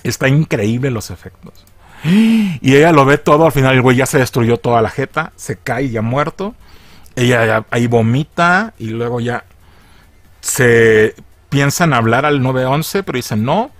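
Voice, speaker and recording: A man with a Mexican Spanish accent casually recapping a film's plot as a reviewer, in a slangy, profane and animated storytelling manner. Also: medium pitch, a little slow, no echo. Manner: animated, jumpy delivery. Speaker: film reviewer.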